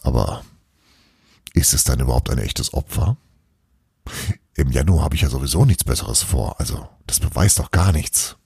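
A man's voice: rumbling low, lively intonation, moderate pace, creaky, pauses often, a little mellow, husky, dry recording, studio quality, pitched below the performer's own voice, full character voice. A man voicing a stubborn old Santa Claus who lectures his elves in a persuasive way, in a storybook reading.

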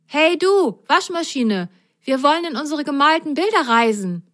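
Plucky storybook boy sock, high and coaxing, woman voicing. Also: animated, normal speed, a bit bright. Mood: eager. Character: cheerful boy sock, bold and adventurous.

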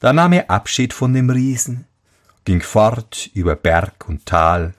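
A man reading a fairy tale aloud in a slow, expressive storytelling style. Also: fairly low pitch.

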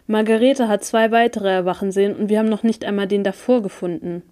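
A woman's voice: medium pitch, fairly even intonation, fast, dark tone, natural voice. A woman reading the lines of a laid-back, secretive young man who turns sardonic and irritable. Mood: wry.

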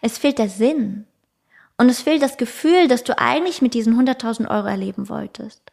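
A woman talks slowly and thoughtfully on a spiritual podcast, guiding the listener with gentle questions. Her voice sits a little high, and now and then it sinks to a hushed whisper. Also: vocal fry. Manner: calm, slow, addresses the listener directly, drops into soft whispers. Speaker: podcast host. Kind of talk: reflective spiritual podcast talk.

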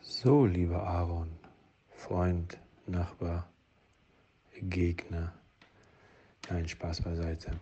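A man speaking in a disguised deep voice, slow and gruff, asking a former teammate a question in a recorded clip. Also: fairly even intonation, warm tone, a little hiss or hum, full character voice. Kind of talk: mock-solemn recorded question. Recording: dull lo-fi clip from a distance.

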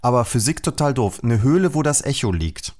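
Joking man with quick asides. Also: mid-range voice, expressive, a little mellow. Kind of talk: casual comic chat.

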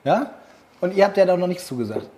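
Quick-talking man chiming in. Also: sits high, very animated, mellow. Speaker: podcast co-host. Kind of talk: casual chat.

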